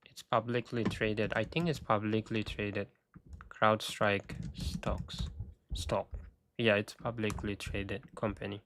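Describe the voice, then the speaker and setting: Male host, low and slow, hesitant, thinking aloud, voice wearing out. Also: flat delivery, noisy background. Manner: halting, thinking aloud with restarts. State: losing his voice. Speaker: tech video host. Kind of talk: casual screen-share walkthrough.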